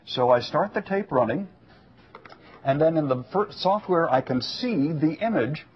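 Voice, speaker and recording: A man with a fairly high voice demonstrates a product as a guest expert on a home shopping show. He explains things in a folksy, lightly joking way, and the sound is a little dull. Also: expressive, measured pace, a little hiss or hum.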